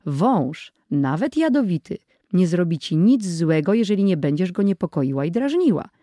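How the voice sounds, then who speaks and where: A reader voicing a resourceful young boy in an audiobook, speaking calmly and reassuringly. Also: mid-range voice, normal speed, no room sound, clean studio sound. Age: child. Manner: calm, reassuring, a little secretive.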